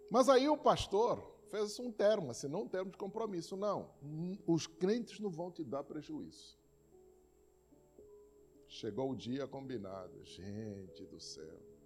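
Slow, emphatic Brazilian pastor preaching. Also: male voice, on the high side, very animated, a little mellow, faint music behind. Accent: Brazilian Portuguese. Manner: emphatic preaching with anecdotes and repeated words. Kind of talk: sermon.

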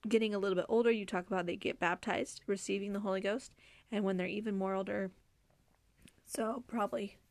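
Female podcast host, sincere and conversational, slight vocal fry, dry recording. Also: mid-range voice, no echo. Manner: earnest, heartfelt, conversational with many fillers. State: tearful, choked up. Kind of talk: devotional podcast talk to mothers.

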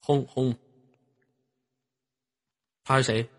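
A man with a Northeastern Chinese accent hosting a stream, teasing his guest with crude jokes, loud mockery and constant swearing, sometimes bursting into shouts. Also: mid-range voice, flat delivery, slow. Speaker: livestream host. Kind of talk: crude joking banter.

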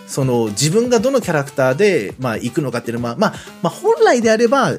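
A man with a somewhat high, very lively voice chats as co-host of a game review show. He talks quickly and explains at length, polite but casual. Music plays behind him. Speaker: podcast co-host reviewing games. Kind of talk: casual panel chat. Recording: music playing behind the talk.

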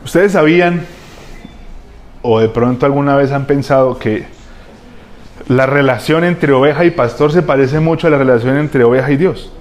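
A man preaching a sermon as a pastor, telling lively, humorous stories full of slang. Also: medium pitch, normal speed, pauses often.

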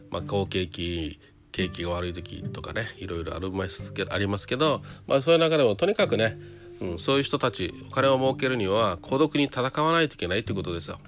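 Guy rambling solo to his viewers, lots of little fillers and questions, kinda low voice, guitar music in the background. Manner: chatty, rhetorical questions, frequent "ne" and "un" tag fillers. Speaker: trader talking to viewers. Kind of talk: casual solo monologue.

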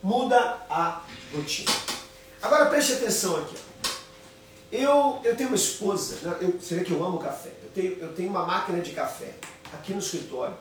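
A man preaches in a story-driven way, his voice sitting fairly high. He sounds a little off-mic in a very echoey room. There is a faint hum of ambience behind him. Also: a little fast, recorded from a distance. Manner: storytelling, repeats phrases for emphasis. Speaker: pastor. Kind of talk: sermon with personal stories. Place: home office.

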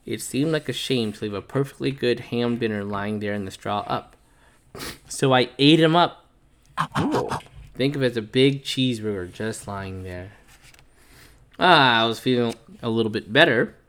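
A man reading a picture book aloud to his child, telling it playfully in a wolf narrator's voice and pausing to chat with the child. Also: mid-range voice, a bit bright. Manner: playful storyteller voicing the wolf narrator, chatting with his child between pages.

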